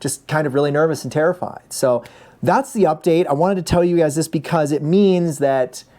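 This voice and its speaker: A man's voice: fairly high pitch, moderate pace, warm tone. A man in his mid-forties telling a story in a chatty, casual vlog update, restarting his sentences often. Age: 40s. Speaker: vlogger, ultrarunner.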